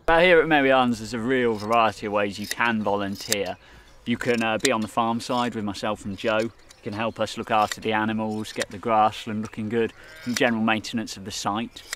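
A man's voice: fairly low pitch, steady tone, a little fast, few pauses, a bit bright. Young man, farm worker, noisy outdoor audio. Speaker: assistant farm manager. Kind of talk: interview answers. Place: outdoor pasture.

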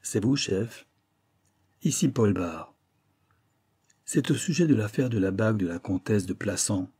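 Audiobook: male reader as an ironic inspector, husky and low. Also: measured pace, warm tone. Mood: teasing. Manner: ironic, teasing. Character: clever police inspector, ironic, self-assured man. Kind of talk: audiobook character reading.

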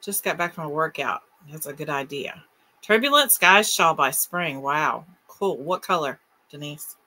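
A woman with a bright, forward voice and a West Virginia Appalachian accent. She chats in a folksy, plain-spoken way as a livestream co-host, casually reading out comments over a video call. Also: low voice, expressive, unhurried. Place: room at home, on a video call. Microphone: webcam or computer mic on a video call.

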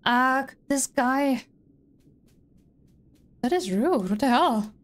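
A woman's voice: high voice, expressive, very slow. Woman streaming a game. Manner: chatty, talks to chat. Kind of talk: casual gameplay commentary. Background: game music.

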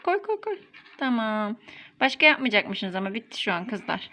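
A woman's voice: fairly high pitch, very animated, moderate pace. A woman filming a home craft video, patiently instructing her children at a table. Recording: loud noisy home recording.

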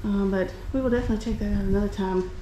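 A woman's voice: mid-range voice, fairly even intonation, very fast, mellow, slight background noise, poor audio. Chatty woman vlogging on a trail. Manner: chatty, pointing out sights. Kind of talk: casual walking commentary. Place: outdoor wooded trail.

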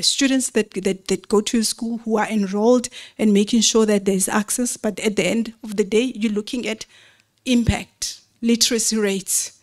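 Presenting slides to explain her topic at a convention, a woman speaks in a didactic, measured manner and asks rhetorical questions, using a darkish voice of mid-range pitch.

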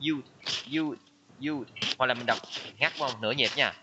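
This English teacher is a man running an online language lesson, patiently going over words again and again for his pupils. He talks at normal speed with medium pitch, captured in noisy, dull lo-fi audio.

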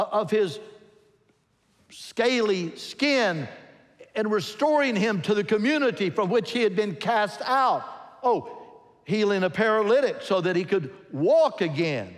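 Older pastor preaching slowly in a hall. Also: male voice, high-pitched. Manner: slow, expressive preaching with emphatic gestures. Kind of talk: sermon. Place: large church sanctuary, at a pulpit. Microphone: pulpit microphone. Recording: long church hall reverb.

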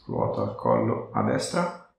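Here the chiropractor's voice is extremely low and gravelly, its pitch swooping wildly as he talks at a moderate pace. He guides a patient through a hands-on exam with brief, reassuring instructions and questions. The indoor treatment room sounds very echoey, with a distant mic and faint noise.

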